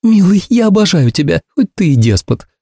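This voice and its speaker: Man putting on a shrill gushing young woman. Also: big pitch swings, brisk, vocal fry, mellow, no echo, studio quality, heavily acted. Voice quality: piercing shrill voice. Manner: effusive, sprinkles every phrase with endearments. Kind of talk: audiobook character voice.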